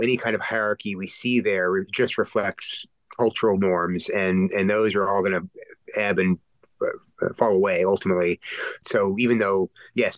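A man who is a podcast co-host and pastor, sick, talking through theology in an explanatory, halting, conversational way. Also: fairly low pitch, no echo, rough recording.

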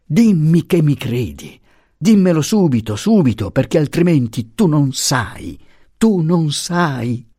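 A man voicing a hurt, pleading young wife, speaking with raised, impassioned pitch. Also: very animated, slow pace, warm tone, breathy edge, no room sound, studio quality, full character voice.

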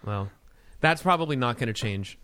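A man in his thirties hosting a podcast in casual chat, an excitable storyteller. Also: mid-range voice, normal speed. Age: 30s. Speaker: podcast host.

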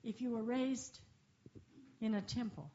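A woman's voice: on the high side, steady tone, unhurried, mellow, dull audio, a little hiss or hum. A woman missionary giving a testimony at church, effusive and full of praise. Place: church service.

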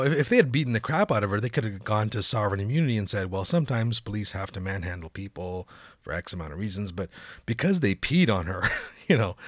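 A man's voice: fairly low pitch, no echo, studio quality. A man hosting a casual comedic news show, bantering in a jokey, mock-official manner. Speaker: talk show host.

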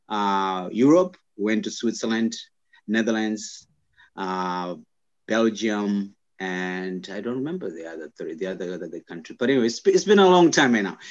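A man from Zimbabwe, a scientist and guest, telling his life story in casual interview talk, pausing often with fillers and restarts. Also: fairly low pitch, lo-fi sound. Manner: halting, many "uh" fillers and restarts.

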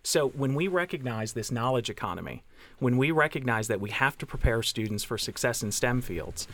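A man's voice: mid-range voice, a bit bright. A man speaking as a representative of an education nonprofit, earnest and citing statistics. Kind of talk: radio interview.

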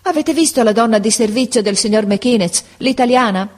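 A woman's voice: a little high, a little fast, pitched above the performer's own voice, natural voice. A woman voicing a ragged, worn-out boy who pleads urgently for the way to his mother. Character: exhausted, desperate young boy searching for his mother.

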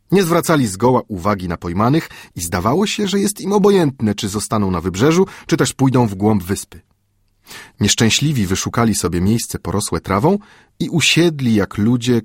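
A middle-aged man reading a classic adventure novel aloud in a measured, steady storytelling manner. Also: on the low side, husky, no echo, clean studio sound. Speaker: audiobook narrator. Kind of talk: scripted literary narration.

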